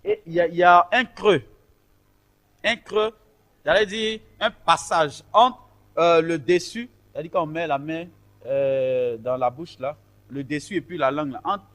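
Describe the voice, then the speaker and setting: A man's voice: on the high side, moderate pace, a bit bright. A man teaching a choir vocal technique, explaining vowel shapes patiently and counting the group in.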